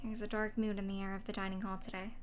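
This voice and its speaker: A young woman streaming a game, reading its text aloud in a soft, low-key way with quiet asides. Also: level tone, racing, noisy background. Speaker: gaming streamer.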